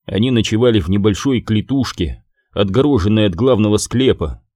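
A man narrating an audiobook in a steady, measured way. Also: on the low side, dry recording, studio quality.

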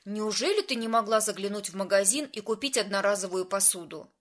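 A woman's voice: mid-range voice, expressive, a little fast, natural voice. A woman voicing a flustered young man who speaks in a grumbling, defensive way in a storybook reading.

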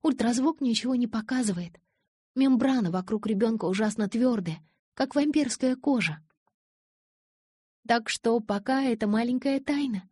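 A woman voicing a gentle but stubborn pregnant young woman in an audiobook, soft and reassuring. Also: fairly high pitch, moderate pace, slightly rough, no echo, pitched above the performer's own voice. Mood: pleading. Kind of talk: audiobook character voice.

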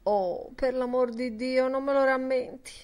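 A woman reading an audiobook voices a young barmaid, prim and squeamish, with shrill pleading exclamations. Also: sing-song, measured pace.

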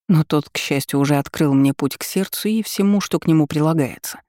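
A woman's voice: deep voice, fairly quick, dark tone, no room sound, studio quality. A woman reading a novel aloud in the first person, with a wry, ironic storytelling manner. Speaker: audiobook narrator.

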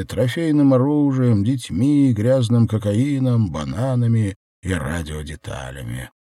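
A man reads a novel aloud in an expressive narrating voice. His pitch is fairly low and the recording is dry and close. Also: dry recording. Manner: expressive reading. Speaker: audiobook narrator. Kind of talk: scripted narration.

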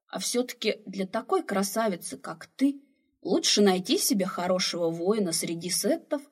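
A woman's voice: medium pitch, breathy edge. A woman reading the part of a huge, kindly old female slave cook who fusses and sighs over a runaway girl. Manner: fussing, motherly, sighing.

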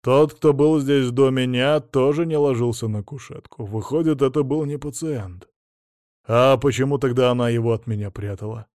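Brief: audiobook, a man doing a gruff, quick-tempered guy who grumbles and yells, dry close recording. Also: mid-range voice, no room sound, lightly acted. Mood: wary. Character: irritable middle-aged man, a suspected widower, quick to explode.

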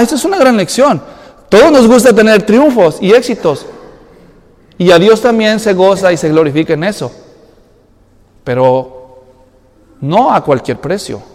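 A man preaching a sermon, acting out Bible characters in lively, colloquial voices. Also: high voice, big-room sound. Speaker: pastor.

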